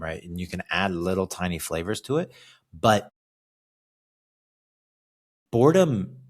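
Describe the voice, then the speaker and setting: In a low voice that's fairly bright with a breathy edge, a Californian fitness coach hosts his own podcast. The motivational monologue is casual and conversational, with lots of sentences tagged by a questioning "right?".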